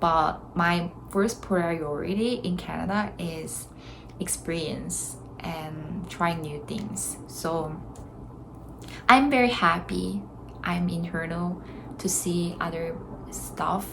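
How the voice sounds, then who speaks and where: This young Korean vlogger, from South Korea, chats earnestly to camera in English as a second language, her Korean accent clear and laughter dropping in between thoughts. She speaks slowly and on the low side, with vocal fry yet a fairly bright tone. It's a rough recording with a little hiss or hum.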